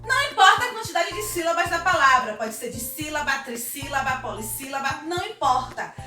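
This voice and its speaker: A woman's voice: sits high, sing-song, a little fast, bright, forceful tone, distant mic. A Brazilian woman teaching a recorded video lesson for children, upbeat, stretching out syllables as she sounds out words. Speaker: primary school teacher. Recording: echoey room, voice off-mic, music behind.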